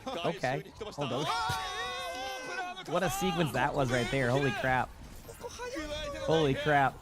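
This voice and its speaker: A game streamer chats casually with his viewers live while watching a match, rambling with lots of fillers as his slightly high, animated voice goes a little hoarse. He talks a little slowly over loud music.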